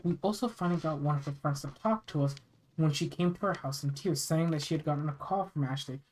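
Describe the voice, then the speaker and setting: A storyteller from the United States reading a first-person horror story aloud in a halting way, often stumbling and repeating phrases. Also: medium pitch, darkish tone, poor audio. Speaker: narrator reading scary stories.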